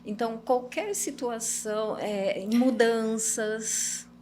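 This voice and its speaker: An older woman, a psychologist guest explaining things calmly in a podcast and often ending points with a questioning tag. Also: a little high, takes it slowly, slight background noise. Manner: calm, advising, ends points with "não é?".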